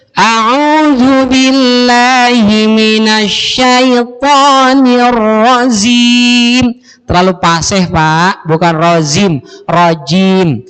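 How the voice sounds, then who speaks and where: A male preacher giving a lively Ramadan sermon in a mosque, acting out his congregants and drawing out Quran recitation. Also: fairly high pitch. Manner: acts out congregants in quick voices, drawn-out Quran recitation. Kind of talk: Ramadan sermon with comic role-play. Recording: echoey mosque hall.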